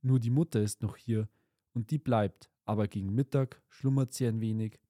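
A man's voice: fairly low pitch, fairly even intonation, normal speed, mellow, dry recording, studio quality, close to an everyday voice. A man voicing a brash, commanding little robber girl in a fairy-tale reading.

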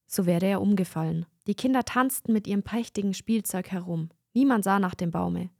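A woman reading a fairy tale aloud in a calm, measured storytelling manner. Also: mid-range voice, husky, dry recording, clean studio sound. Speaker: reader.

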